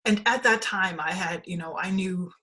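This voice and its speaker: A woman from Denmark hosting a spiritual podcast interview, talking in a halting way with many restarts and fillers. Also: fairly low pitch, pushed and bright. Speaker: podcast host. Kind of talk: casual conversational interview.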